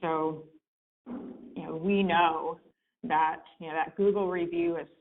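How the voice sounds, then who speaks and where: A woman comes through a conference call with a narrow, tinny phone sound. Her voice sits a little low, and she explains things in a relaxed, filler-heavy way as a guest expert. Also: slow pace. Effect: heard over a conference call phone line. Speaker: guest expert on client reviews. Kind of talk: conversational explaining. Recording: tinny phone-line teleconference audio.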